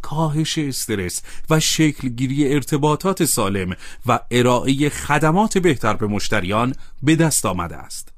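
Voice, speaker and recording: A man narrating an audiobook in a calm, measured reading voice. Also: medium pitch, no room sound, clean studio sound.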